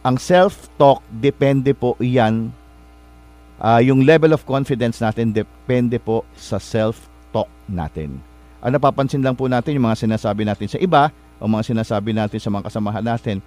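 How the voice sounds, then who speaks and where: A man's voice: mid-range voice, moderate pace, a little mellow, soft background music. Polite rambling male show host. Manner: polite, addresses listeners with respectful particles; rambling, searches for words and corrects himself. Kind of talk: motivational storytelling talk.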